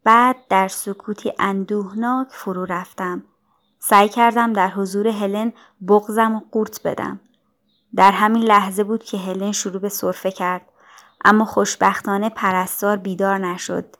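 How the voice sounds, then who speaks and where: A woman's voice: medium pitch, flat delivery, a bit bright. Woman reading a story aloud. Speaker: narrator. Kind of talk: scripted audiobook narration.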